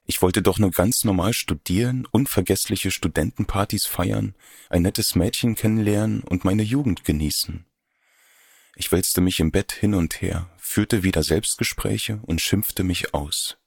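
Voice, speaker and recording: A young man with a very low, husky voice reads a first-person story. His narration is measured and wry, quietly introspective. The sound is close and completely dry. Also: no room sound. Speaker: audiobook narrator.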